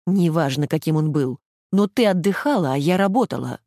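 A woman voicing a sharp-tongued agitated young woman. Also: low voice, animated, a little fast, dry recording, clean studio sound. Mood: reproachful. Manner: agitated, reproachful.

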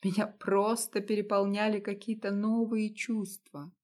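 A woman narrating a novel in the first person, in steady, measured storytelling. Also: mid-range voice. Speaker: audiobook narrator.

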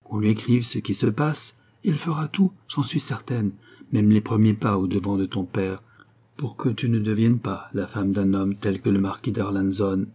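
A man's voice: fairly low pitch, fairly even intonation, warm tone, breathy edge. A man reading as a firm, earnest noble mother. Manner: measured, earnest persuasion. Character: devoted aristocratic mother, middle-aged woman, calm and firm.

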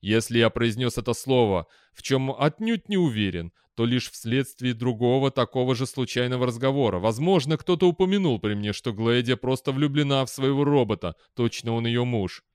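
A man's voice: mid-range voice, moderate pace, hardly any pauses, darkish tone, clean tone, dry recording, close to an everyday voice. An indignant scientist under pressure, as a male audiobook reader puts him on. His voice is raised and strained with defensiveness, recorded close and dry. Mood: defensive.

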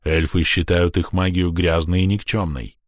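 Low, slow half-orc, blunt and gruff, a man performing. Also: level tone, no room sound, clean studio sound, close to an everyday voice. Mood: quiet confiding. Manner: quiet, low, unhurried. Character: gruff, loyal male half-orc companion.

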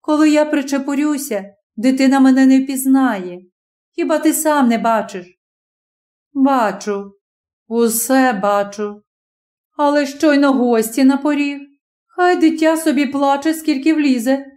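A woman reading a literary story aloud as an audiobook narrator, with measured pacing and slow, emphatic pauses. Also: sits high, a little mellow.

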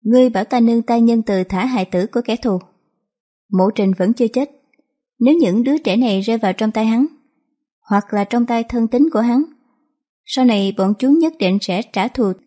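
A woman's voice: fairly high pitch, moderate pace, mellow, close to an everyday voice. A woman voicing a cold, ruthless young empress who speaks in clipped, commanding lines.

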